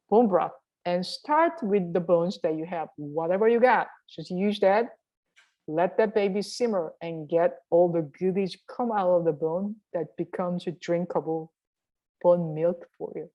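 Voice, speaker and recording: A lowish, expressive, dark-toned female voice, measured in pace, comes through a muffled recording. The speaker, a Korean health and cooking vlogger, keeps her cooking lesson chatty and encouraging with plenty of rhetorical "right?" checks.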